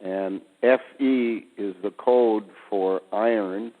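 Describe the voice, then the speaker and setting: Low-voiced guy talking slow over a phone line, kinda echoey, spells out words as he goes. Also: fairly even intonation. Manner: slow, deliberate wordplay explanations. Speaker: guest speaker. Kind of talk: casual phone conversation. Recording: tinny phone line with reverb.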